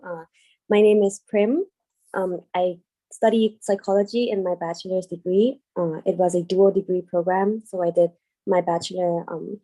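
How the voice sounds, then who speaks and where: A woman's voice: mid-range voice, warm tone, poor audio. A woman on an online panel over a video call, hesitant and full of fillers. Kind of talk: casual online panel talk.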